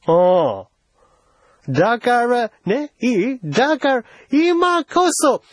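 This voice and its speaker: A man's voice: extremely high pitch, sing-song, very slow, no room sound, heavily acted. A man playing a pushy, teasing older foreign envoy in a solo comedy sketch, wheedling in broken Japanese with English phrases.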